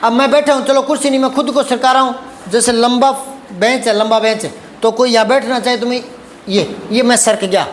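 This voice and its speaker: A man with an extremely high-pitched, fairly even voice teaches a Hindi grammar lesson at a fairly quick pace, patiently repeating himself and often checking whether students understood, calling them beta. The recording sounds roomy, with a little hiss or hum.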